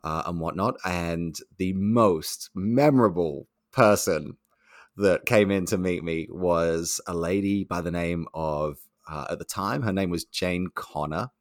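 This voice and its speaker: A man's voice: sits low, a little slow, no room sound, studio quality. A young man telling a story in conversation, acting out the other voices in it. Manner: animated storyteller, acts out quoted voices.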